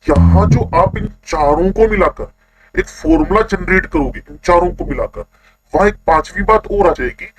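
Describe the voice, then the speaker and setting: A man teaching a chemistry class online, constantly quizzing his students with quick questions. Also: high voice, poor audio.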